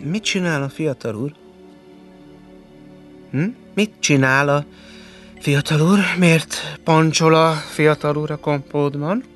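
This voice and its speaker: A man's voice: fairly high pitch, fairly even intonation, long pauses, fairly bright tone, faint music behind, voice pushed up, lightly acted. A man voicing a nervous, disapproving middle-aged mother who scolds anxiously. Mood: nervous scolding.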